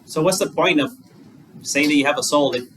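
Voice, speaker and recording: A brisk, fairly high and fairly bright male voice belongs to a Buddhist monk giving a dharma talk. He keeps it conversational, drawing on simple examples and asking rhetorical questions. The distant mic picks up faint room noise.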